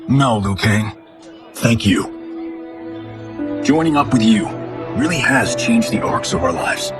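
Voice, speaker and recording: An actor playing a cocky, good-natured movie star in a video game, with a showy, casual, slangy delivery. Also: male voice, fairly low pitch, expressive, slow pace, music in the background. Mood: warm, sincere. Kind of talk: video game cutscene acting.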